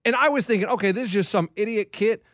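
A man's voice: high voice, fast talker, a bit bright, no room sound, clean studio sound. A man co-hosting a casual sports chat show, retelling games and fights in an emphatic play-by-play way. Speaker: podcast co-host.

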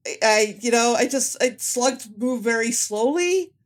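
Woman co-hosting a podcast, joking and halting. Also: a little high, expressive. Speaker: podcast co-host. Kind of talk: casual chat.

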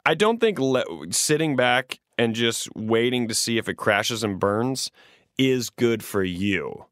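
A man's voice: mid-range voice, lively intonation, takes it slowly, a bit bright, no echo. Thirtysomething guy giving advice on a podcast, earnest and rambly, keeps restarting, dead dry mic. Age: 30s. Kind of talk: casual advice chat.

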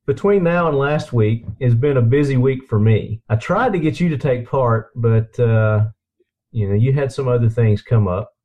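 A man's voice: medium pitch, normal speed. A man hosting a podcast in enthusiastic casual chat, recorded through a computer's built-in microphone. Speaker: podcast host. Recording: dull lo-fi computer microphone pickup.

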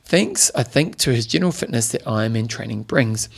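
A man's voice: mid-range voice, lively intonation, a little fast, creaky, slightly rough. A man with a broad New Zealand accent co-hosting a casual sports chat show, talking in matey, colloquial slang. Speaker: podcast host.

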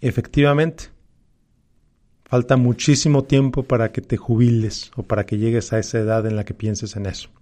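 A male presenter with a Mexican accent gives a motivational personal finance talk at a moderate pace. His mid-pitched tone is soft-edged and relaxed, and his advice comes with emphasis and repeated key phrases.

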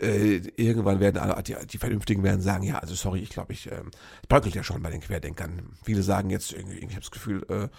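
A man's voice: lowish voice, vocal fry, breathy edge. A man in a casual, rambling political rant, sarcastic and full of fillers and restarts.

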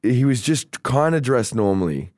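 A man's voice: mid-range voice, normal speed, no echo, clean studio sound. A man with an Australian accent, co-hosting a podcast and telling a story in casual chat, swearing freely and acting out what people said. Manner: animated, swears freely, acts out quoted dialogue. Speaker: podcast co-host.

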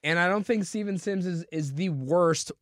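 Slightly high-voiced man, dry sports chat. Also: moderate pace, a bit bright, no room sound. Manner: stammering restarts, building an argument. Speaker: sports podcast co-host. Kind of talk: casual sports talk.

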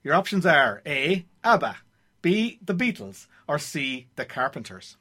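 A man's voice: a little high, big pitch swings, measured pace, pushed and bright, breathy edge. An Irish man hosting a radio trivia quiz from a studio, introducing and moving things along in presenter style. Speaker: quiz show host.

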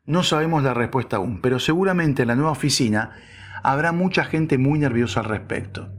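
A man's voice: medium pitch, brisk. A man reading a scripted opinion piece with wry, sarcastic asides. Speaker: narrator.

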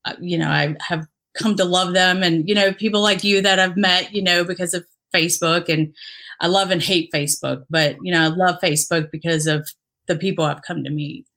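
A Dominican-raised woman with a lowish, fairly bright voice speaks a little fast in a fairly even tone. As a guest in a candid interview, she reflects earnestly on her former police career, using many fillers and restarts.

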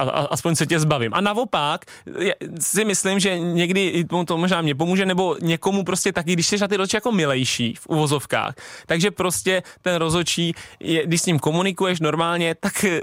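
A young man chats on a radio talk show about his football days, slipping into other voices as he retells arguments with referees. His voice sits fairly high. The studio sound is dry and close, with no room echo. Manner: animated storyteller, acts out referees' lines. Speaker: footballer and podcast co-host. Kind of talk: casual chat.

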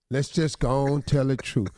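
A man's voice: medium pitch, steady tone, slow, mellow, dry recording. A man co-hosting a comic advice talk segment, teasing the letter writer and acting out his lines. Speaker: radio show co-host giving advice. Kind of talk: comic relationship advice chat.

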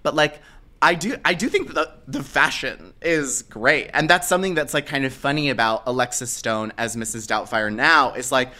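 A man's voice: medium pitch, moderate pace, sharp tone. A man chatting casually about film in a sassy, campy, emphatic way, with lots of slang.

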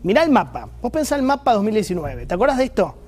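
A man's voice: high voice, very animated, fast, a little mellow, breathy edge. A man with an Argentine accent delivering emphatic, sarcastic political opinion commentary as host. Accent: Argentine Rioplatense Spanish.

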